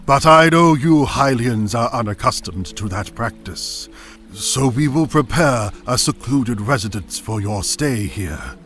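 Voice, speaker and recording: Slow, stately, jovial fantasy king played by a man. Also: mid-range voice, fairly bright tone. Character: jovial, hearty old fish-folk king, fatherly and regal. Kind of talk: cinematic fantasy audio drama acting.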